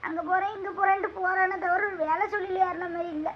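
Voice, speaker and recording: A woman voicing a worried middle-aged mother who laments and pleads slowly about her sick husband. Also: very high voice, fairly even intonation. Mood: lamenting. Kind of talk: amateur family skit. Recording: dull lo-fi recording.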